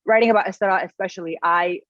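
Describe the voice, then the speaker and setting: A woman's voice: on the low side, fast, dry recording. A woman in her thirties, a guest author, talking in an earnest, emotional and personal way in a casual interview. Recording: dull, slightly lo-fi, dry sound.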